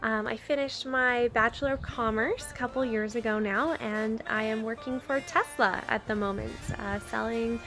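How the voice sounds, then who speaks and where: Woman, 20s, high voice, casual self-intro, faint music bed. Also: fairly even intonation, moderate pace, few pauses, fairly bright tone. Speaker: family member in a greeting video.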